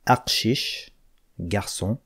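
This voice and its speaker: A man teaching a language lesson, slowly spelling out words and giving word pairs one by one. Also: on the low side, a bit bright, slightly rough.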